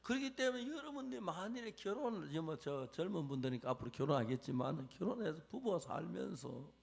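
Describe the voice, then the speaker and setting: A man preaching a chapel sermon, acting out quoted dialogue with animated delivery. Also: fairly high pitch, fast, vocal fry.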